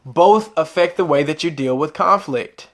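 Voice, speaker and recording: A man's voice: on the high side, normal speed, a bit bright. A man giving an explanatory, conversational motivational talk, repeating phrases for emphasis and putting rhetorical questions to the listener. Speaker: motivational speaker.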